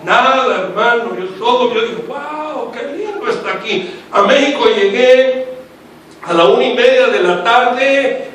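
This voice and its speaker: A man preaches his testimony in a very high, sharp and bright voice. He tells his story like an animated storyteller and keeps calling his listeners brother. He is heard from a distance in a booming, echoey hall with faint noise behind him. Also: a little slow. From Nicaragua. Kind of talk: church testimony sermon.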